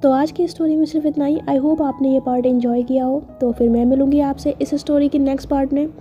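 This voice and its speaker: A woman storyteller with a high but dark, mellow voice. She narrates casually and chattily, with little asides. The sound is dull and lo-fi. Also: steady tone, quick pace, soft background music. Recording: dull lo-fi recording.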